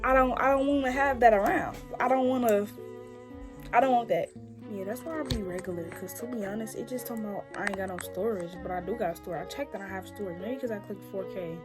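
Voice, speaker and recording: A woman's voice: mid-range voice, fast talker. A young woman chatting casually on video with strangers, blunt, slangy and full of swearing. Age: young adult. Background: music.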